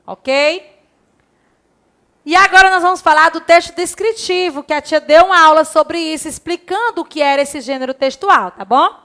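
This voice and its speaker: A primary school teacher with an extremely high, bright and clear voice records a lesson for young children. She reads words and syllables slowly and stretches them out, asking questions in her pupils' voices and answering them herself.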